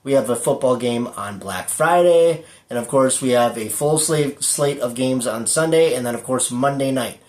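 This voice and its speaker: A man's voice: medium pitch, moderate pace, few pauses, a little mellow, reverberant. A man hosting his own football prediction show, talking casually with lots of fillers and a dry sarcastic streak. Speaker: sports prediction show host. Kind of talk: casual solo sports talk.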